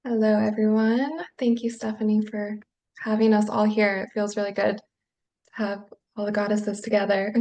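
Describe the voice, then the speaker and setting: This woman reflects on her journey in a group sharing circle, pausing often with fillers. Her pitch stays mid-range, with little rise and fall. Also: a little mellow. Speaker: participant sharing her story.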